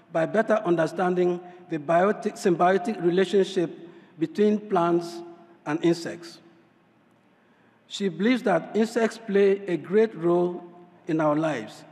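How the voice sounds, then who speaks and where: A middle-aged man reading a scripted, formal speaker introduction at a podium microphone in a measured, deliberate way. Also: sits high, a little mellow. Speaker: introducer at a conference. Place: large indoor auditorium podium. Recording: reverberant large hall.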